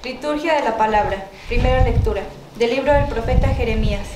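A woman with a Mexican accent and a slightly high voice reads a scripture passage aloud at mass, careful and now and then restarting a word. The church around her is echoey, with a faint background hum. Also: brisk. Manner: careful read-aloud delivery with small restarts. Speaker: scripture reader. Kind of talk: scripture reading.

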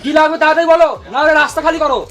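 A man playing an irritable, hurried liquor shop seller in an amateur comedy skit, curt and exasperated. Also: very high voice, fairly even intonation. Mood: irritated. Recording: music playing behind the voice.

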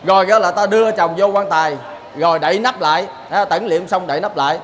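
A lay preacher with a Southern Vietnamese accent talks fast in a high, slightly bright voice. He gives a folksy sermon built on stories, repeatedly turning to ask his listeners "see?"

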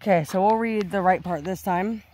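A man's voice: high voice, moderate pace, darkish tone, slight background noise. A man vlogging on a rural hiking trail, casually narrating and reading historical plaques aloud, stumbling and correcting himself as he goes. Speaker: vlogger exploring a historic site.

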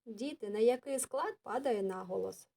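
A woman teaching children, reciting rhymes in a slow sing-song manner. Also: a little high, animated, gravelly, warm tone. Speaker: kindergarten teacher. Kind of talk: classroom lesson with rhymes.

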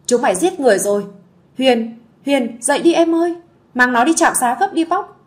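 A woman voicing a loud, bossy village sister-in-law who shouts urgently. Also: a little high, expressive, moderate pace, lightly acted. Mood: frantic.

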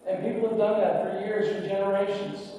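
An older man preaching a sermon from the pulpit, slow and deliberate, rising for emphasis and dropping low at the ends of his lines. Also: level tone, dark tone, a little hiss or hum. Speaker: pastor. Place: church sanctuary, at the pulpit. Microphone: far camera in the sanctuary. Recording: echoey sanctuary from far off.

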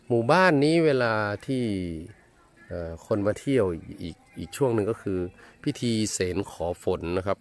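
A man's voice: low voice, slight background noise. A man from Thailand talking casually as a travel vlogger outdoors in a village, polite and rambling with many hesitations. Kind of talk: casual travel vlog narration.

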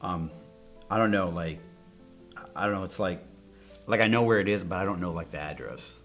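A man plays an awkward, nervous witness in a naturalistic crime drama. His voice is low, and he rambles evasively and hesitantly, with music underneath. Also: a little fast, fairly bright tone. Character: nervous, awkward male witness being questioned by police. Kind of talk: naturalistic screen acting, interrogation scene.

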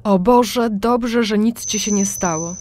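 A woman's voice: expressive, moderate pace, darkish tone, slight background noise, close to an everyday voice. Woman voicing a frightened pregnant mother. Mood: alarmed. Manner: high-pitched, anxious, pleading. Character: pregnant middle-aged mother, frightened and pleading.

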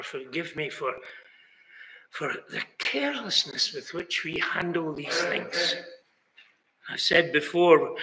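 An older British man preaches an earnest chapel sermon in a voice on the high side with a sharp tone, occasionally building to exclamations. He is filmed seated in mid shot by a fixed camera in an indoor chapel hall with echoey acoustics.

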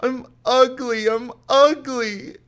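A man's voice: fairly even intonation, slow, fairly bright tone, clear, resonant tone, exaggerated voice. A man putting on a tearful young woman. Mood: distraught. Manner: high sobbing pleas. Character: young woman, tall and tearful, grieving her looks.

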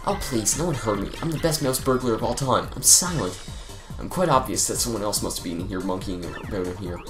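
A smug, flirtatious mouse burglar woman, as a man voices her for a game playthrough. She purrs her lines in a low, hushed tone, teasing and sly. Her pitch swings freely through each phrase. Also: lively intonation, brisk, over music, close to an everyday voice. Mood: flirty, teasing. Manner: soft, hushed, teasing delivery. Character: sultry female mouse thief, flirty and smug.

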